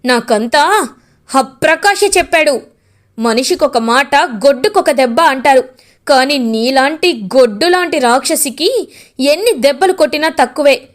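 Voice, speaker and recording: A woman voicing a fierce, shouting mother-in-law. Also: sits high, lively intonation, measured pace. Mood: raging. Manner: shouting, threatening, scolding.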